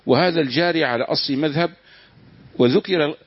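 A man's voice: a little high, brisk, slightly rough, dry recording. Man reading a classical text aloud. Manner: steady reading, small slips he corrects. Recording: dull, dry lo-fi room recording.

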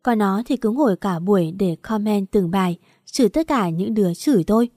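A woman's voice: mid-range voice, lively intonation, fairly quick, mellow, dry recording, studio quality. A woman narrating a first-person story, telling it plainly and lifting her voice a little for the quarrels.

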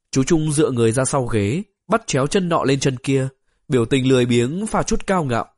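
A man narrating an audiobook story in a steady, even storytelling way. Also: mid-range voice, dry recording, studio quality.

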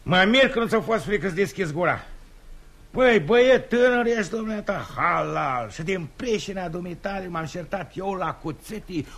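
An actor playing a hot-tempered but soft-hearted older father, blustering and theatrical in a stage comedy. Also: high-pitched, expressive, heavily acted. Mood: scolding. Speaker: father of a marriageable daughter.

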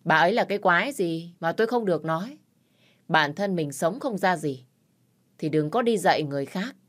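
A woman voicing a hot-tempered young man who shouts back defiantly and curses. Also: on the low side, animated, normal speed, close to an everyday voice. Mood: scornful.

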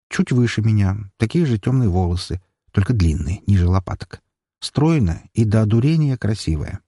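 A man's voice: lowish voice, mellow, breathy edge, no room sound, clean studio sound. A man reading a first-person audiobook in a wry, sardonic storytelling manner. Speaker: audiobook narrator.

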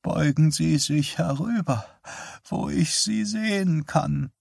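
A man voicing a frail old mother dying after a stroke, her voice dry, rough and rattling, whining and fading to a whisper. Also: sits high, sing-song, very slow, dry recording, pitched above the performer's own voice, heavily acted. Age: older.

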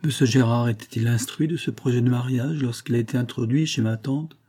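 A man's voice: mid-range voice, brisk, warm tone, husky. A man voicing a proud, wounded young woman in an audiobook reading, speaking firmly and with dignity. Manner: firm, dignified, pleading at times.

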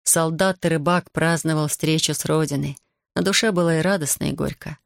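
A man narrating an audiobook in a measured, even reading style. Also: on the high side, gravelly, no room sound, studio quality.

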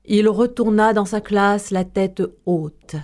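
A woman storyteller narrating a tale in a measured, expressive way. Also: mid-range voice.

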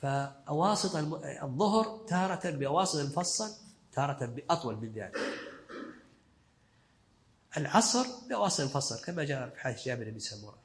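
A man's voice: a little high, animated, a little fast. A male sheikh giving a scholarly lesson commentary, explaining in short, repeated phrases. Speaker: sheikh teaching a fiqh text.

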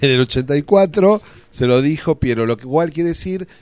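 A man's voice: fairly high pitch, expressive, a little fast, darkish tone, no room sound. A man co-hosting a radio show, dropping in brief dry remarks and questions. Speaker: radio co-host.

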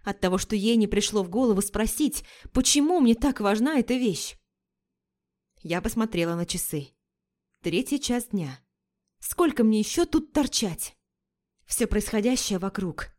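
A woman reading a first-person story aloud in a measured, expressive storytelling manner. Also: medium pitch. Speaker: audiobook narrator. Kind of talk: first-person scripted narration.

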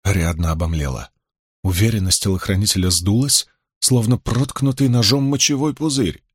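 Low husky male narrator. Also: normal speed, no echo, studio quality. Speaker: audiobook narrator. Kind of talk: scripted narration.

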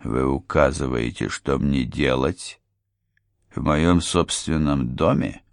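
A man reading an audiobook voices a rude, hot-tempered young estate owner who barks his lines hoarsely. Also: rumbling low, slow, dry recording, clean studio sound, exaggerated voice. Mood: indignant. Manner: barking, hoarse outbursts. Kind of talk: audiobook character voice.

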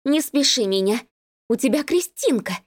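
A woman voicing a jealous young woman chattering fast and shrilly on the phone. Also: lively intonation. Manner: rapid, shrill, accusing.

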